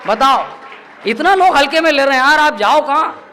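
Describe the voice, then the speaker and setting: On stage at a live poetry gathering, a man performs as a stand-up comic poet, spinning chatty, self-mocking stories into a stage microphone, acting out the voices of the people in them, and laughing often in humorous banter. His very high-pitched voice has lively intonation at a normal speed, against crowd noise and a noisy background.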